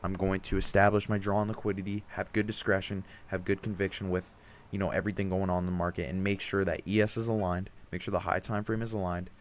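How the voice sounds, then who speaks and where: Deep-voiced frustrated young man venting. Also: little pitch movement, fast talker. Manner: frustrated, emphatic, self-critical, casual slang. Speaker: trading vlogger. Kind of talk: candid self-reflective vlog rant.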